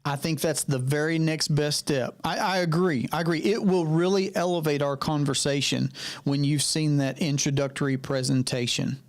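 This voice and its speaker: A man's voice: a little high, steady tone, moderate pace. A man from North Carolina, a financial coach hosting a live online Q&A, talking conversationally over a video call, repeating his key points and addressing participants by name.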